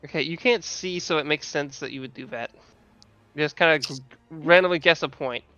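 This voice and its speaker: A man improvising narration as game master of a tabletop game, halting as he searches for descriptions. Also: a little high, sharp tone, muffled recording.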